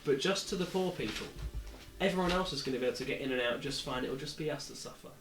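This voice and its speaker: A man's voice: medium pitch, fast, fairly bright tone. A man narrating a tabletop game as game master in a loose, casual way. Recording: echoey room with faint music.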